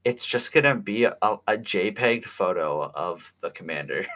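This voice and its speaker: A man hosting a casual podcast chat, joking and laughing often. His voice is bright and his pitch swings a lot. He talks fast at times and slows to drag out a punchline. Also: animated. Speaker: podcast host.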